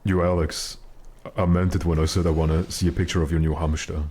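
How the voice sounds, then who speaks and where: Very deep-voiced man streaming a game. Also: level tone, fairly quick, darkish tone, slightly rough. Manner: joking, mock-serious banter. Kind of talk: casual chat with stream viewers while gaming.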